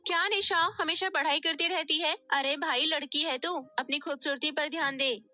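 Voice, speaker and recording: A woman's voice: sits high, fairly even intonation, moderate pace, sharp tone, no echo, voice pushed up. A woman voicing a spoiled, jealous young stepsister who taunts and whines in a storybook tale. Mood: taunting whiny. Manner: whiny, taunting.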